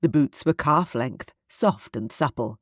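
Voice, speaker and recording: A synthetic-sounding audiobook narrator reads first-person fiction. The voice sits at a middle pitch, smooth and even. The recording is dry and close. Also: measured pace, no room sound.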